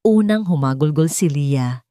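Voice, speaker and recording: Reading a scripted dramatic story as an audiobook narrator, a woman with a Filipino accent speaks in a low, warm, animated voice at an unhurried pace. The sound is studio quality, with no room sound.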